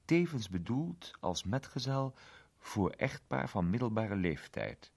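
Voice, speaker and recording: A man narrating a short story in an expressive, animated reading. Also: lowish voice, slow, creaky, husky.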